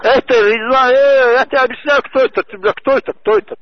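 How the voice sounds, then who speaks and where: A man's voice: extremely high pitch, fairly even intonation, fast, no echo. A man arguing over the phone, blunt and aggressive, swearing constantly. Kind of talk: heated phone conversation. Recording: muffled phone-call audio.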